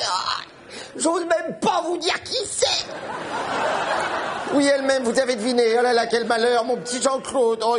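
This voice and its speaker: In a live comedy sketch, a man plays a spiteful, scheming old mother-in-law on the phone, shrill and cackling as she gushes and then curses. The stage recording is very noisy, with loud audience laughter.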